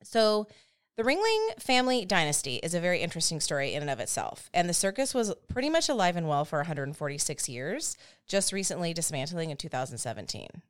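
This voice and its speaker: Lively woman hosting a storytelling podcast. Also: lowish voice, brisk, smooth. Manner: chatty, laughs often, self-deprecating asides. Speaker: podcast host. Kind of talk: casual storytelling chat.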